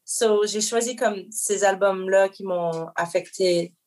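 A woman with a Québécois French accent talks casually as a guest musician. She rambles, restarts her sentences and fills pauses often. She drops English words into her French. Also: mid-range voice, fairly even intonation, a little mellow. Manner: rambling, frequent fillers and restarts. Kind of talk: casual chat.

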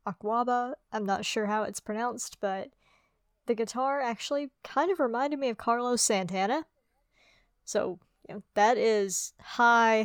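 Woman from the US, middle pitch, dry sound, steady, casual album review chat. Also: dry recording. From United States. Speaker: podcast co-host reviewing albums.

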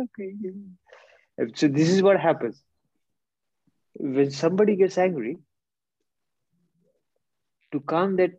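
A blunt man laughs as he tells a casual story, acting out both sides of an argument. His voice sits on the high side with a warm tone, captured in a dull, lo-fi close recording with no echo.

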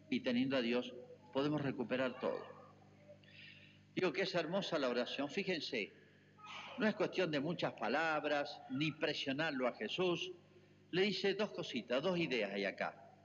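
An Argentine priest delivers a homily with a lively, rising and falling voice, turning often to his listeners. His words ring out with a long church reverb, and the recording sounds muffled and lo-fi. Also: mid-range voice, a little hiss or hum. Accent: Argentine Spanish. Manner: earnest preaching, addresses the congregation directly.

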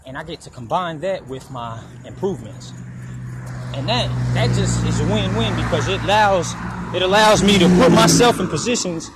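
High-pitched and lively in intonation, a man in his twenties talks at normal speed while walking outdoors beside a road for his podcast. He rambles casually about himself and swears freely, with passing traffic in the background.

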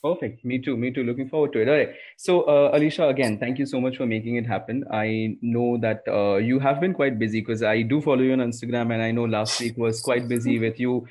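Male podcast host, friendly and chatty, mid-pitched, plenty of fillers. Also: steady tone, fast, hardly any pauses, darkish tone. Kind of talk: casual interview chat.

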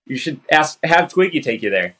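A man hosting a podcast, talking in a relaxed, conversational way with plenty of affirmations. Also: a little high, moderate pace. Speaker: podcast host. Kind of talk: podcast interview.

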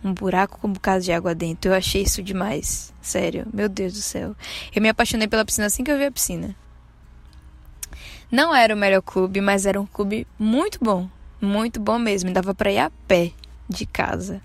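This woman's mid-range voice is gravelly and fairly quick. She's a Salvador, Bahia native in her twenties hosting a podcast with a Bahian Brazilian Portuguese accent, sharing personal stories in a casual, conversational, self-deprecating manner.

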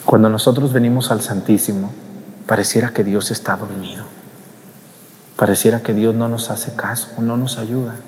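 A man's voice: on the low side, steady tone, moderate pace, darkish tone, slight background noise. A man preaching a homily, talking conversationally, questioning the congregation and acting out scenes. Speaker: priest. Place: church. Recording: long church reverb.

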